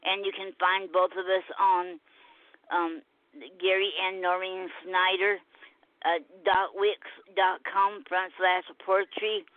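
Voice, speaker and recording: A woman's voice: lowish voice, little pitch movement, slow, no room sound. A woman calling in to a live show over the phone, listing where to find her work with many hesitant fillers and restarts. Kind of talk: casual chat. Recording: tinny dry phone line.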